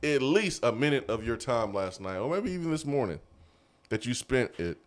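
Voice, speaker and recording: A man hosting a casual sports talk show, animated and quick to laugh. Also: mid-range voice. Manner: animated, laughing, drawn-out emphasis. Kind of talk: casual sports radio chat. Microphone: studio mic.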